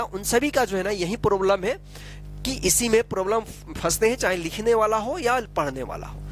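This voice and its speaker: A man's voice: sits high, a bit bright. Man, teacher, patient lesson explanation, asks and answers his own questions, faint background music. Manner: repetitive, asks questions and answers them himself; slow, patient explaining with frequent tag questions.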